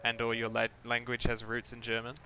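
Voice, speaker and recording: Over in-game artillery fire and rumbling vehicle engines, a man chats casually during a live game stream, reading chat and musing aloud with hesitant rambling. His medium-pitched voice is monotone, fairly quick, bright and forceful, and the audio quality is poor.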